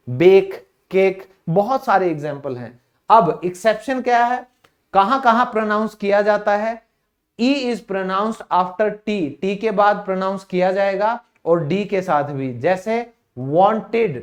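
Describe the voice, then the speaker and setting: Indian male English teacher, higher voice, casual lesson delivery, poses questions then answers them. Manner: casual and direct, calls listeners brother. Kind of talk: classroom-style lesson.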